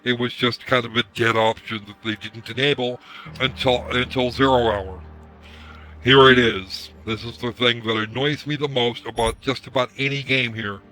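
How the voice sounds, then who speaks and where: A hoarse man ranting casually on a live stream through a headset mic, his voice run through a voice changer, irritated and swearing as he repeats himself. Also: mid-range voice, steady tone, moderate pace, bright, forceful tone. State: hoarse from screaming. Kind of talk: ranting livestream commentary.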